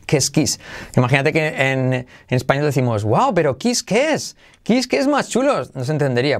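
A man with an accent from Spain teaches English pronunciation in a podcast lesson. His voice sits in a middle register but swings widely in pitch as he drills words over and over. He sounds playful and lively, a native Spanish speaker coaching learners.

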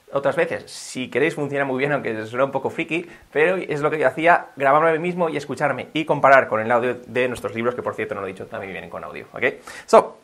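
A man's voice: medium pitch, fairly bright tone. A man from Spain with a Spanish accent, teaching pronunciation in a video lesson, upbeat and drilling phrases by repetition. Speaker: English teacher.

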